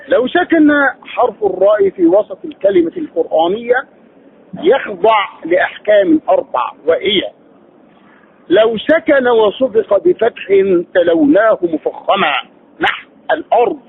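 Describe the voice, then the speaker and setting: A male teacher gives a recitation lesson in a gravelly, high-pitched voice that rises and falls a lot. He poses questions, answers them himself and drills the syllables one by one. The recording is tinny and phone-like, with a faint hiss underneath. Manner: drills sounds by repeating syllables. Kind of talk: tajweed lesson.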